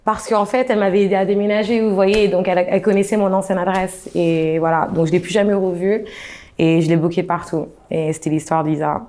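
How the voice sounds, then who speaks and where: A young adult woman casually telling a personal story to camera, in an animated way that acts out the dialogue. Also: lowish voice, a little fast.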